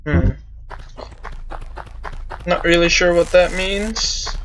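A man's voice: sits high, very slow. Chatty joking young man gaming. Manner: chatty, joking, self-deprecating, swears. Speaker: gamer. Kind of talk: casual let's-play commentary. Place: room at home with windows open. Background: faint game music.

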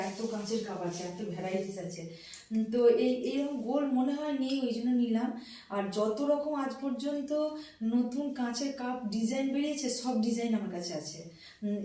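A middle-aged woman chatting softly and gushing as she shows off things she bought. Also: on the high side, heavy reverb, distant mic, slight background noise, poor audio. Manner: chatty, gushing, repeats herself; soft, hushed talk. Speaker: vlogger showing purchases. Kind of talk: casual show-and-tell chat.

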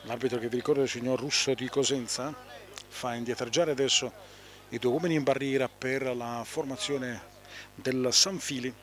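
A man with an Italian accent giving live play-by-play football commentary outdoors, halting at times to fill in details. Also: medium pitch, steady tone. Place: outdoors beside a small football pitch.

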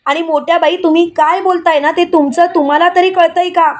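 A woman's voice: very high-pitched, steady tone, a little fast. A woman voicing an indignant middle-aged woman who protests an accusation.

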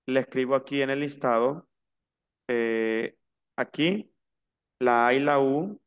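Smooth-voiced man teaching a class. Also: medium pitch. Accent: Latin American Spanish. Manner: slow, spelled-out pronunciation drills. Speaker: French teacher. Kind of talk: online language lesson.

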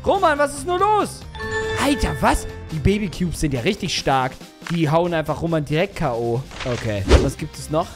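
A young man doing let's play commentary, teasing and excitable as he plays. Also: fairly high pitch, normal speed, over loud music. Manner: excitable, teasing, shrieks and laughs at his game. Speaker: gaming YouTuber.

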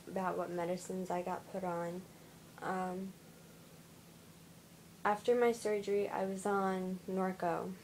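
A tired young woman talking at home in a casual video diary, halting, with many fillers and restarts. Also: lowish voice, a little mellow, a little hiss or hum, low-quality recording. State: tired, yawning. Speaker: vlogger.

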